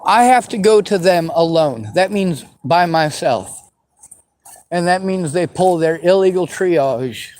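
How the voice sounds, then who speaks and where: A man's voice: high voice, lively intonation, a little slow, a little mellow, poor audio. A man in his forties from the western United States, talking bitterly and swearing as he answers viewer questions on his vlog. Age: 40s. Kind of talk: angry unscripted monologue.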